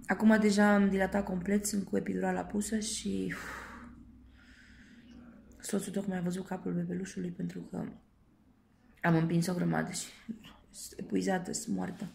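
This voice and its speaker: A woman's voice: on the low side, flat delivery, creaky, long pauses, darkish tone, a little hiss or hum. A young woman vlogging to camera, chatting candidly and straight to her viewers. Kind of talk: casual vlog to camera.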